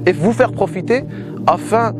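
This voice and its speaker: A man's voice: high voice, lively intonation, normal speed, music in the background. A man interviewing a guest, putting formal questions and sometimes groping for words in the middle of a question.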